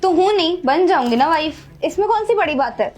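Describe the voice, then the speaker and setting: A woman's voice: very high-pitched, lively intonation, brisk, a little mellow, soft background music. A young woman acting a selfish, dismissive wife who left her husband, pleading with her boyfriend in a dramatic short film. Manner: dismissive, pleading, mixes English phrases. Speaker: actress playing Rubika, an unfaithful wife.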